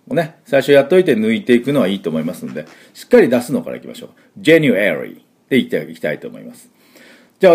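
A man teaching English in a chatty explanatory lesson, full of fillers, slowly sounding out each word. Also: medium pitch, a little mellow.

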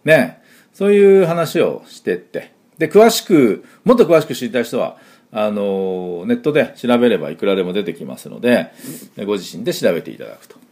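Casting: man, low voice with a bouncy, lively pitch, a chatty teacher who stops often to sound out words. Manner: chatty, full of fillers, sounds out words slowly. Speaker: English teacher. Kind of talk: explanatory lesson.

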